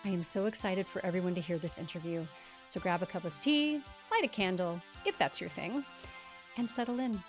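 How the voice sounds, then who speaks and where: A woman's voice: fairly low pitch, fairly quick, soft background music. A middle-aged woman hosting a podcast, reading a scripted introduction in an emphatic, conversational way. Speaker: podcast host.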